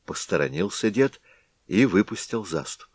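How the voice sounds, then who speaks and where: A man's voice: on the low side, lively intonation, moderate pace, a little mellow, dry recording, clean studio sound. A man reading a storybook aloud as narrator, telling the tale expressively.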